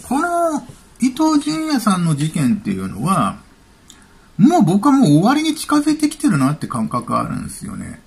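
A man's voice: high voice, huge pitch swings, normal speed, vocal fry, breathy edge. A man giving casual spoken commentary as a YouTube commentator, chatty and offhand, thinking aloud.

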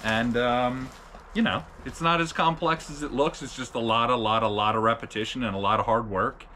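Easygoing male host, mid-pitched, light and jokey, outdoors with a faint background hum. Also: steady tone, moderate pace, pushed and bright. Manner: joking, upbeat. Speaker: channel host. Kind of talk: casual chat.

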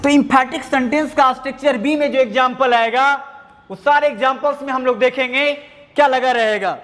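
In a large hall, a male teacher with an Indian English accent gives a classroom grammar lecture in a very high, fairly bright voice. He repeats his points, draws out English phrases, and speaks fondly to his students.

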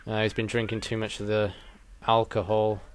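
A man's voice: fairly low pitch, level tone, moderate pace, a little hiss or hum. A man giving casual let's play commentary with joking, rambling asides.

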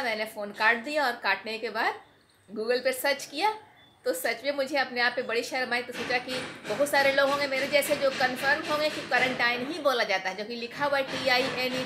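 A woman vlogging casually at home, chatty and self-mocking, slowing down to spell out a word carefully. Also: fairly high pitch, fairly even intonation. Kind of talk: casual explanatory vlog. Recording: faint background noise, hammering below.

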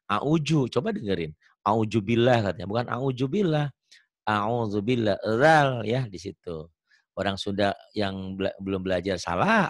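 A man's voice: fairly low pitch, no room sound, studio quality. A male Quran reading teacher giving an online tajwid lesson, patiently explaining and repeating letter sounds.

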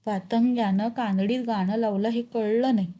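A woman's voice: on the high side, steady tone, normal speed, mellow. A woman reading a short story aloud, narrating expressively and putting village dialect into the telling.

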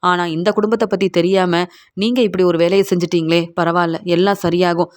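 A woman's voice: on the low side, fairly even intonation, brisk, no echo, clean studio sound, lightly acted. A woman reading the lines of a middle-aged man reassuring his brother-in-law, in a retelling of a TV serial scene. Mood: consoling. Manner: soothing, reassuring.

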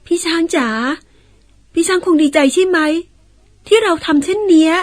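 A woman acting in an old-style radio drama as a gentle, polite young daughter who coaxes and explains patiently. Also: very high voice, normal speed. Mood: gentle coaxing. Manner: coaxing, polite, carefully explaining.

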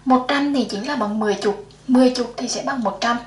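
A woman teacher with a slightly high voice walks young children through a math lesson, counting out loud one step at a time. She sounds patient and even. The recording has a noticeable room echo. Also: fairly quick. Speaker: primary school math teacher.

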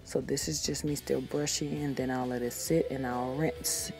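A woman in a casual how-to vlog, talking to the camera while brushing her teeth at a bathroom sink, chatty and relaxed. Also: rumbling low, moderate pace, over music. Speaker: beauty vlogger. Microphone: handheld camera mic.

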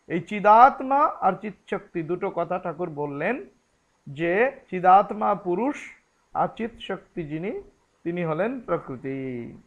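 Slow, high-voiced Bengali man teaching scripture. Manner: slow, deliberate, chants Sanskrit verses then explains them. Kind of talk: scripture lecture.

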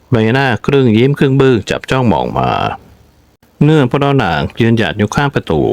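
A man narrating a martial-arts novel in a steady storytelling voice, with a lively rise and fall in his mid-range pitch. The sound is dry and close, with no room around him. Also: dry recording. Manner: steady storytelling, lively intonation, small slips. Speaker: audiobook narrator. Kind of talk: reading a Chinese martial-arts novel aloud.

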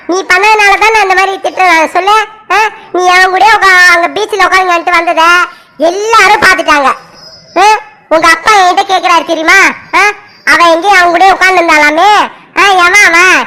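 A woman playing a strict middle-aged mother who scolds her daughter sharply in an amateur family drama. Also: very high voice. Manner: sharp, scolding, repeated "ஆ?" demands.

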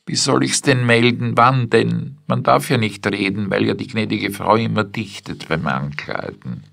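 A man's voice: sits low, expressive, moderate pace, creaky, a bit bright, breathy edge, exaggerated voice. A man voicing a loyal, aggrieved lady's maid who complains plaintively, in a spoken story. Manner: plaintive, reproachful, wailing.

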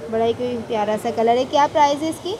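A woman vlogs her tour of a busy indoor market, speaking with a Pakistani Urdu accent and chatting enthusiastically with shopkeepers about prices. She's a fast talker with a fairly high pitch, and the crowd and market bustle can be heard behind her.

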